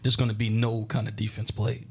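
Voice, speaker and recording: A man with an American accent and a hoarse, worn-out voice that is nearly gone, talking casually about sports as a podcast host. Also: on the low side, level tone, brisk, slight background noise.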